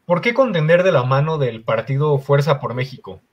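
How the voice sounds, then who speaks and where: A man's voice: on the high side, animated, moderate pace, dull audio. A man with a Mexican accent hosting a political interview, polite and formal, sometimes stumbling over words. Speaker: interview host. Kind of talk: conducting an interview.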